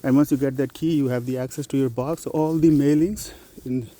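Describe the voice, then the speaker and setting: A man's voice: medium pitch, fairly even intonation, brisk, mellow. A man walking outdoors through a neighborhood, giving practical tips in a chatty, explanatory vlog style. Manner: conversational, explanatory, with fillers. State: out of breath on an incline. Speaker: vlogger giving newcomer tips. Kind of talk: casual vlog talk while walking.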